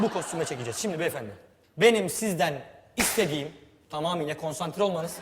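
A man acting as a bossy mock film director, mock-formal and pompous, laughing as he gives orders. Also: fairly high pitch. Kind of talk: comic improvised sketch. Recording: reverberant hall with loud background noise.

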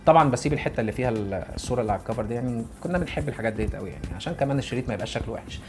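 An Egyptian man in his thirties talks straight to his audience at a brisk clip. He is an English teacher who repeats his key points for emphasis. Quiet music plays underneath his voice. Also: medium pitch. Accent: Egyptian Arabic. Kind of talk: casual motivational talk to camera.

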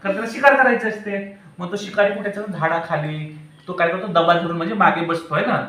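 A man's voice: sits high, fairly quick, sharp tone. A man teaching a classroom of children, asking them questions and prompting answers. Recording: very echoey room, voice from far off.

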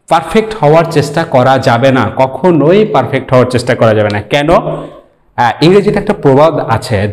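A man from Bangladesh, an English teacher giving a lecture, talking in a relaxed way, mixing in English words and asking rhetorical questions. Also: a little high. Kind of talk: explanatory lecture.

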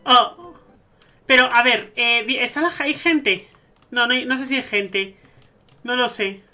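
A man with a Spain Spanish accent giving gushing, excitable let's-play commentary over a life-sim game. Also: extremely high pitch, slow, long pauses, faint music behind. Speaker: gaming streamer.

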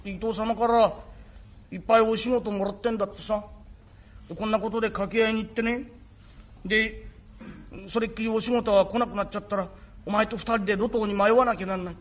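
A man's voice: high-pitched, fairly even intonation, fast talker, long pauses, close to an everyday voice. A man voicing a young boy in a rakugo story, earnest and pleading, in old speech. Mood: telling, earnest. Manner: childlike, pleading, chatty.

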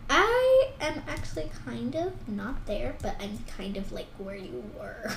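Giggly high-voiced young woman, echoey room. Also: unhurried, gravelly. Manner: giggly, excitable, self-mocking. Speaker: co-player friend. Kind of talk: casual gaming chat. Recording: echoey room with faint noise.

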